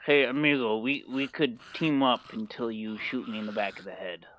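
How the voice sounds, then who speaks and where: A male gamer talking over in-game voice chat at a middle pitch. He jokes nervously, startles easily and swears freely. A faint hiss runs under his voice. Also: fairly even intonation, moderate pace, a bit bright. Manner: joking, jumpy, swears casually. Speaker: gamer streamer.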